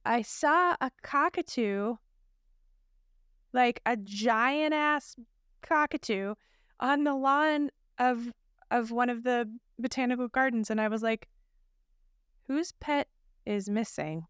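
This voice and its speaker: A woman's voice: fairly high pitch, takes it slowly, pauses often, fairly bright tone, smooth, no room sound, clean studio sound. A woman co-hosting a podcast, telling stories in a chatty, laughing way with lots of fillers. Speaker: podcast co-host. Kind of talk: casual podcast chat. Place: abroad in a hotel room or similar.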